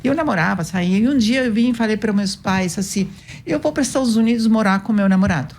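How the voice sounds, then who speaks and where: A woman's voice: mid-range voice, animated, quick pace, darkish tone. A woman giving earnest, firm advice on parenting from her own life on a talk show. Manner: earnest, firm, repetitive emphasis.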